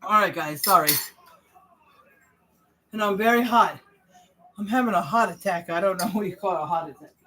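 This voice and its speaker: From her home kitchen, a woman hosts a live cooking stream and chats casually straight to her viewers. Her medium-pitched voice is bright and forceful, moving at normal speed with frequent pauses, and the recording sounds roomy and a bit distant with faint hiss.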